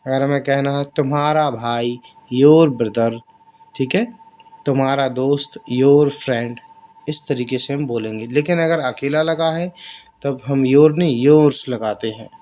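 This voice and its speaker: Guy teaching english basics, real slow, repeats phrases, drags words out. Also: mid-range voice, a little mellow. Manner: slow, drawn-out repetition of example phrases. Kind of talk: explaining lessons in Hindi.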